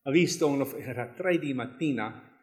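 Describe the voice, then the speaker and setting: A man's voice: medium pitch, normal speed. A man giving an informal sermon. He reads Bible passages aloud, talks conversationally, often chuckles, and restarts his sentences. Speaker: preacher.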